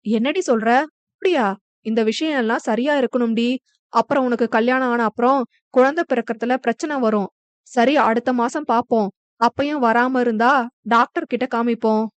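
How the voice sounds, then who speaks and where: A woman's voice: on the high side, normal speed, no echo, close to an everyday voice. A woman narrator voicing a middle-aged mother who fusses and soothes her daughter in a chiding, caring manner. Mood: concerned.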